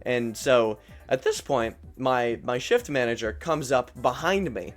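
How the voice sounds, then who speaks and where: A young man with an average-pitched voice rambles through a true story, swearing freely and making fun of himself. Faint music plays behind him. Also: expressive, a little slow. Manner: rambling, profane, self-deprecating. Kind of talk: casual storytelling rant.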